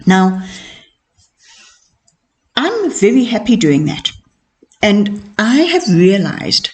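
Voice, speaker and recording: A middle-aged woman who says her R's softly, like W's, telling her own story as a podcast host in a candid, reflective, self-assured way. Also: medium pitch. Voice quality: cannot pronounce R's properly, softened w-like R. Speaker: podcast host and mentoring coach. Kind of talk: personal storytelling monologue.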